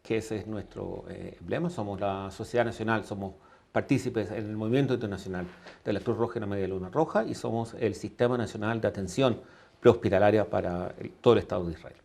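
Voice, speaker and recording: A man from Chile, an emergency management expert, answering interview questions calmly with fillers. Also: on the low side, a little fast, creaky. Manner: calm, explanatory with fillers.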